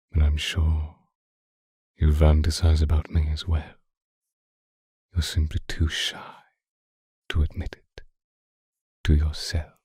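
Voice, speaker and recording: A man whispers close to the microphone as an obsessive, predatory vampire who stalks and seduces, in a hushed ASMR roleplay with a teasing, possessive mood. His voice is very deep, breathy and husky, and his slow, deliberate, formal delivery is heavily acted, recorded dry.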